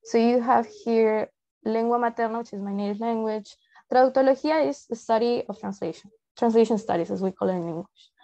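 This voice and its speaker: Her voice leans high and dark-toned, and she speaks briskly. She's a young adult native Spanish speaker from Peru with a Peruvian accent, explaining things informally in an online presentation from an indoor room. The video call audio sounds dull and lo-fi.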